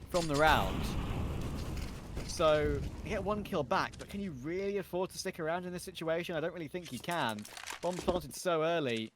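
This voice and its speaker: A man calling live play-by-play in a game broadcast, playful and lively. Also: on the high side, background noise. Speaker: esports commentator. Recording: game gunfire behind voice.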